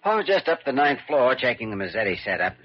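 An actor playing a quick-witted, dry, unflappable hospital doctor in a 1940s radio drama. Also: male voice, mid-range voice, sing-song, natural voice. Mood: dry, easy. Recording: muffled, hissy old radio recording.

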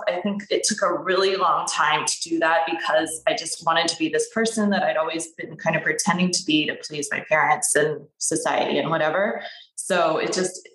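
The speaker is a young adult woman, a writer giving an interview, with a lowish and slightly bright voice picked up from afar. Her relaxed, wandering speech is peppered with fillers and restarts, and the room echoes around her.

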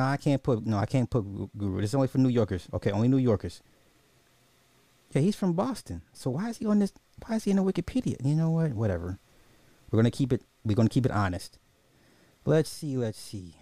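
A podcast host speaks in a medium-pitched, warm male voice, recorded dry. He gives casual, opinionated commentary in slangy, informal language, thinking out loud and frequently repeating his own phrases.

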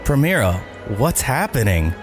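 A man playing a frazzled young male video editor, prone to yelping, excitable outbursts. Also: medium pitch, normal speed, music in the background, lightly acted. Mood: bewildered.

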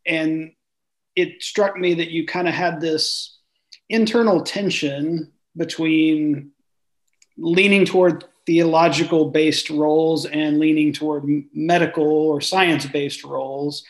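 A podcast host with a fairly high male voice. He reads a promo and then asks his guest long questions in an even, conversational way. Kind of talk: interview hosting with read promo.

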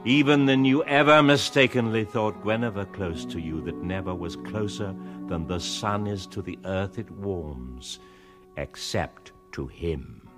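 Merlin, a slow, solemn, low-voiced wizard. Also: male voice, over music. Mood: grave warning. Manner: solemn, incantatory, measured delivery. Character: grave, brooding male wizard and prophet, Merlin. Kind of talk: poetic audio drama.

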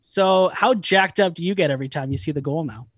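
Male podcast co-host, somewhat high voice, dry recording, relaxed and hesitant. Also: brisk, breathy edge, no echo. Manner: easygoing, hesitant questions with fillers. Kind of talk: casual interview chat.

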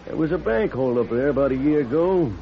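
In a dull-sounding vintage recording of a 1940s radio western, an actor plays a blunt saloon barman who knows the score, folksy and challenging. His voice sits a little high, animated and brisk, with faint music in the background.

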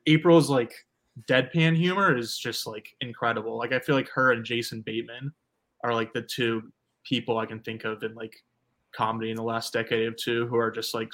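A man's voice: medium pitch, a bit bright. A man with an ordinary mid-range voice co-hosts a podcast. He talks loosely and casually and peppers his sentences with "like". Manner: fills his speech with "like". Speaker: podcast co-host. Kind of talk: casual chat.

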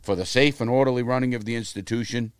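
Talking fast in a medium-pitched voice, this man in his 50s is recorded with clean, echo-free, studio-quality sound. He's a casual interview guest and an animated storyteller whose tales are blunt and profane.

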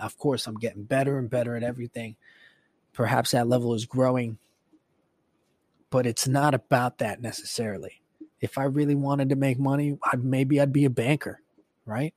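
A man's voice: medium pitch, darkish tone, no room sound, clean studio sound. A man in his late twenties hosting a solo podcast, reflecting casually in a rambling way with lots of fillers and swearing. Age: 20s. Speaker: podcast host.

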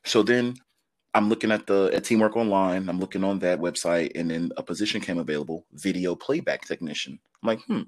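Brief: thirties male guest, deep voice, chatty and quick, dry close recording. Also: dry recording. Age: 30s. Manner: quick, laughing, heavy on filler words. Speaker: podcast guest. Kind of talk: casual interview storytelling.

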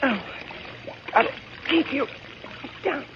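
An actress in an old radio show broadcast, playing a scheming, murderous young wife with a breathy, coaxing voice. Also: female voice, high voice, slow, over music. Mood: flustered. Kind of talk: 1940s radio acting. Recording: muffled old radio recording with hiss.

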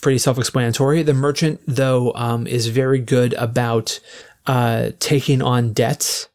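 A man, acting as game master and explaining the rules in relaxed, casual chat full of fillers. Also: mid-range voice, measured pace.

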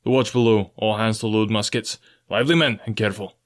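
A man's voice: lowish voice, steady tone, a little fast, natural voice. A man voicing a stern older ship's captain who barks clipped orders. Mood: commanding.

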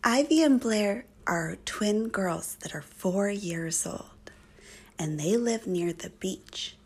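Breathy whispering woman storyteller. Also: medium pitch, animated. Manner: gentle, slow. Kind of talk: whispered bedtime story narration.

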